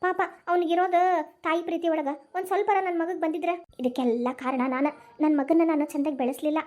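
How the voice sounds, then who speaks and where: A woman's voice: very high-pitched, steady tone, fast, a little mellow. A woman voicing a grieving old mother-in-law in a cartoon, plaintive, in a Dharwad Kannada accent. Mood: sorrowful. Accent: North Karnataka Dharwad Kannada. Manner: lamenting, plaintive dialect storytelling. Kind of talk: cartoon voice acting.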